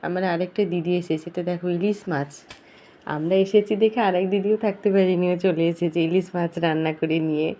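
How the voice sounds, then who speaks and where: A woman's voice: fairly low pitch, fairly even intonation, a little fast, warm tone. Chatty young woman vlogging at home. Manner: chatty, addresses viewers directly. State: slightly hoarse. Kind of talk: casual family vlog narration. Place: home, indoors.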